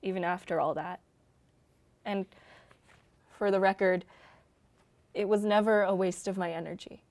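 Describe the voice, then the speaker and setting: Woman doing a soft-spoken young woman, hushed and tender, drama read. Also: mid-range voice, fairly even intonation, measured pace, close to an everyday voice. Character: Claire, young woman facing her end. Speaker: actor. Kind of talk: staged radio-style drama reading.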